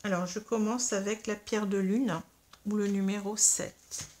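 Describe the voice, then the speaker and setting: A woman tarot reader guiding viewers through a card reading in a soft, calm, instructive way, hesitating often with fillers and restarts. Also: medium pitch, a little slow, slight background noise.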